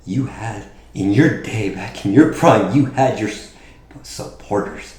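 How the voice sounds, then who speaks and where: A man delivering an intense, profane wrestling promo as a wrestler, confrontational and swinging between low menace and shouted outbursts. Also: unhurried. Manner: profane, confrontational trash talk. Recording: echoey, roomy voice recording.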